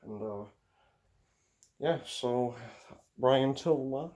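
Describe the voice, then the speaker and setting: Speaking extremely slowly in a medium-pitched, slightly mellow voice, a teenage American racing vlogger with an Upper Midwest accent rambles on. His casual monologue is hesitant, full of fillers and sighs.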